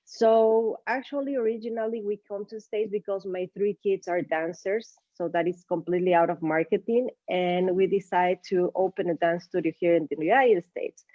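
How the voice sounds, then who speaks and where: A woman's voice: medium pitch, steady tone, normal speed, few pauses, no room sound, lo-fi sound. A middle-aged woman from Ecuador, a native Spanish speaker, telling her career story as an interview guest in an easygoing way with some non-native grammar. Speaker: guest, marketing business owner.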